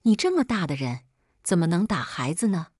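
Woman reading as a bossy sister-in-law, indignant, slightly husky, swingy pitch. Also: big pitch swings, a little fast, darkish tone, no room sound, studio quality. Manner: indignant, scornful.

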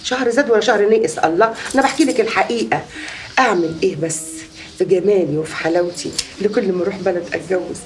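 A woman's voice: medium pitch, fast, faint music behind, lightly acted. An actress with an Egyptian accent playing a boastful, gossiping woman who has married many times. She tells her story in a chatty, exaggerating way. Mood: boasting. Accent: Egyptian Arabic.

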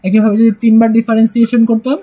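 A man's voice: extremely high pitch, level tone, very fast, dark tone, low-quality recording. A man teaching a casual math lesson, chatty and joking, with frequent "uh" fillers. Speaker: math tutor.

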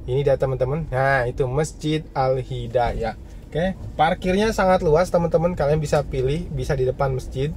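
A man's voice: mid-range voice, moderate pace, darkish tone, slight background noise. A man vlogging from a moving car at night, chatting casually and guiding viewers along the road. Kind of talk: casual driving commentary.

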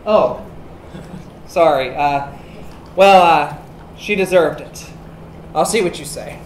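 A woman's voice: deep voice, slow pace, a little mellow, slight background noise. An actress on stage playing a giggly, mischievous young woman telling a story. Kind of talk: stage musical acting. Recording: echoey stage.

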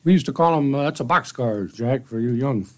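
A man's voice: mid-range voice, dry recording. Older man on an old radio recording. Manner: halting, with many "uh"s, folksy. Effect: old 1970s radio interview recording. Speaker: street poet, radio guest. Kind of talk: relaxed radio interview, reading his own poem.

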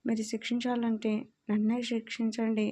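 A woman's voice: a little high, completely flat delivery, normal speed, dark tone, lightly acted. A woman voicing a timid, tearful young wife who pleads earnestly in a storybook reading. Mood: pleading.

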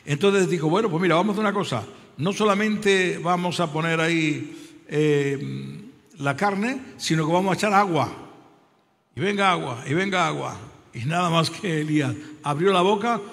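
Male preacher, high voice, fervent sermon delivery, calls out to the congregation, hall echo. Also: gravelly. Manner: calls out for applause and amens, loud exclamations; storytelling with dramatic slowdowns and hesitations. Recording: long hall reverb.

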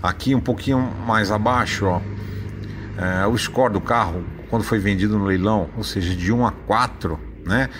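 In a casual screen-share walkthrough of a website, a car-channel host with a Brazilian Portuguese accent talks informally and chattily, thinking aloud with fillers. His pitch is fairly low and his pace moderate, with noise in the background.

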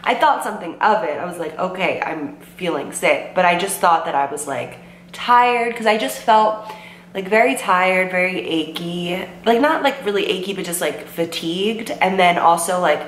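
Her voice lowish and her pace normal, a young woman in her twenties records a casual storytime vlog while ill, sounding worn and sore-throated. Chatty and rambling, she peppers her speech with "like" and "um" and quotes her own words. It's shot indoors in a bookshelf-lined bedroom with the camera in front at desk distance, and the sound is roomy with a faint hum.

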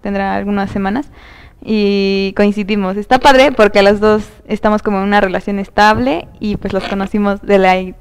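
A woman's voice: medium pitch, fairly even intonation, normal speed, smooth. Easygoing Mexican woman co-host. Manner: easygoing, chatty question-asker. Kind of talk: casual chat.

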